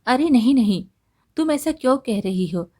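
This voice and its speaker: A woman's voice: fairly high pitch, animated, normal speed, dark tone, pitched above the performer's own voice. A cheeky talking parrot in a storybook, chatty and teasing, male but voiced close to an everyday woman's tone, as a woman reading the tale puts him on. His lines roll along easily in a friendly, playful way.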